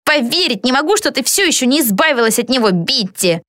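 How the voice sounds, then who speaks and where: Stern young mermaid girl, high and sharp, as a woman reads her, dry close sound. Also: big pitch swings, fairly quick, dry recording, heavily acted. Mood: scolding. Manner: sharp, scolding.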